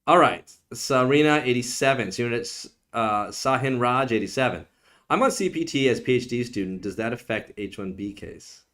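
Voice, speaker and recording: A man's voice: medium pitch, animated, normal speed, a bit bright. A man who is an immigration attorney, answering viewer questions on a live stream in a casual, joking way. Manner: casual, joking, teasing viewers, frequent "okay?".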